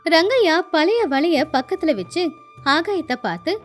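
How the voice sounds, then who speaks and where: A woman with a high voice narrates a moral tale. She reads clearly and at a measured pace. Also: big pitch swings, faint music behind. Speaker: storyteller. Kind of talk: storybook narration.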